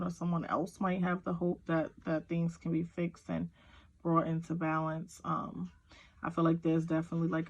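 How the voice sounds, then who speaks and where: Gravelly-voiced woman reading tarot. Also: low voice, low-quality recording. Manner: rambling, filler-heavy, talks to viewer directly. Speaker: tarot reader. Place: at home with kids nearby.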